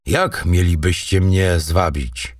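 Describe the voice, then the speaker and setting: A man's voice: sits low, steady tone, takes it slowly, no room sound, studio quality, far from the mic, pitched below the performer's own voice. A man voicing a proud young Norse king who gives terse, stern commands, read in an audiobook. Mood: resolute.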